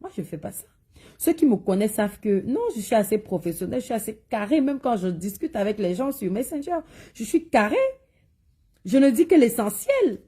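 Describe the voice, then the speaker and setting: A woman's voice: fairly high pitch, expressive, brisk, dark tone, breathy edge. A woman with a Cameroonian French accent selling spiritual products, talking bluntly in a live video and scolding viewers with repeated warnings. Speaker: seller of spiritual and cosmetic products. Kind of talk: live social media monologue.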